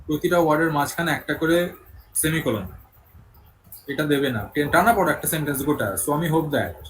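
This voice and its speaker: A man's voice: on the high side, quick pace, fairly bright tone, a little hiss or hum, poor audio. A man with a Bengali accent teaching English, patiently correcting a student's pronunciation step by step. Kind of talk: online tutoring session.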